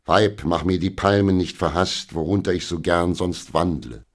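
A man's voice: deep voice, lively intonation, slow, darkish tone, full character voice. A man voicing a proud young knight who speaks curtly and dismissively, in a storybook reading. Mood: irritable. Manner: curt, dismissive. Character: proud young male knight, curt and irritable.

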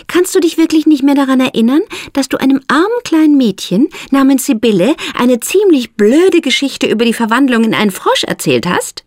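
A woman voicing a haughty schoolgirl who talks in a scornful, challenging way, pitched well above her own voice. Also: big pitch swings, brisk, few pauses, darkish tone, no echo, studio quality. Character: haughty schoolgirl, sharp and accusing.

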